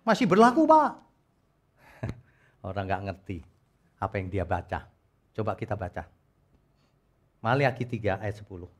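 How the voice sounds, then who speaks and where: A middle-aged male pastor preaching a sermon, animated and teasing, with rhetorical questions and sudden shifts between loud quotes and low asides. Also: moderate pace, long pauses. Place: church.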